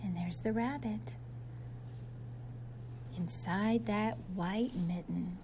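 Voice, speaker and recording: A woman with a mid-range voice reads a children's picture book aloud, slowly and deliberately. She sounds expressive and teacherly, talking straight to her young audience with simple questions and little asides. Light noise sits behind her.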